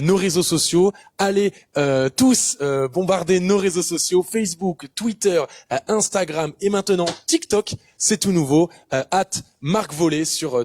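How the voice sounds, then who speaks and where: Man, upbeat club host, lightly raised pitch, dry close mic, halting delivery. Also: a little mellow, no echo. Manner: friendly, many hesitations. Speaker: co-host of a pre-match live. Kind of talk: live stream hosting.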